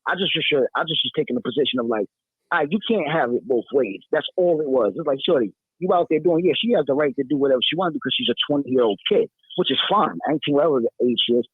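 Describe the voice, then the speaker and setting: A young man from Brooklyn, a college athlete calling in, talking in quick, casual slang. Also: a little high, breathy edge, no echo. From Brooklyn, New York. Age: young adult. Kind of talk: phone-in call defending his comments. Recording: tinny phone line.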